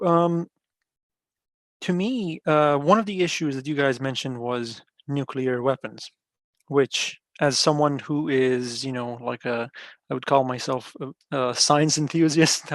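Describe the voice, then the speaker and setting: A young man in his 20s from Iran speaks English in a fairly high voice during an online group discussion, taking part as a meetup participant on a video call. He is hesitant, filling gaps with "um" and "uh" and pausing to search for words. The sound is dry and close, with no room sound.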